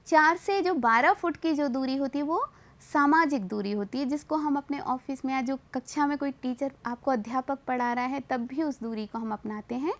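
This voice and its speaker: High-voiced woman teacher lecturing. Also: moderate pace. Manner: explanatory, mixes in English terms, frequent restarts. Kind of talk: classroom lecture.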